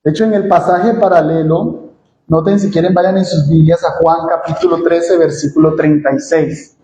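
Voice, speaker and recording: A man's voice: steady tone, normal speed, dark tone, slight background noise. A man, a pastor, preaching an expository sermon with emphasis, acting out the quotes he reads. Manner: emphatic, acts out quotes with shifting pitch. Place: church sanctuary. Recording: echoey church room.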